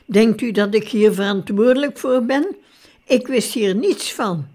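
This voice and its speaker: A woman voicing an agitated, nervous male doctor who shouts and pleads to be believed, read slowly in an audiobook. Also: on the high side. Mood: agitated pleading.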